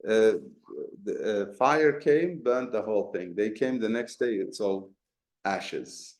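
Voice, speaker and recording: Speaking slowly in a fairly low voice, a man leads a Quran commentary class as a step-by-step religious lesson. He uses rhetorical questions and sprinkles Arabic terms throughout, recorded in a room with noticeable echo.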